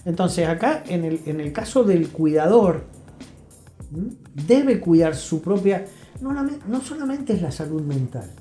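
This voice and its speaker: Speaking as a guest therapist in a reflective interview, an older Argentine-accented man uses a high, sing-song voice with a dark tone, taking his time. He explains things didactically and emphatically, repeating key phrases, against a roomy echo and faint music.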